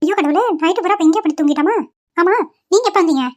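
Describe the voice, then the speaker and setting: A domineering cartoon mother-in-law, voiced by a woman, cold and harsh, firing off quick scolding lines. The voice sits high and moves fast. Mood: flustered. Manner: sharp, scolding.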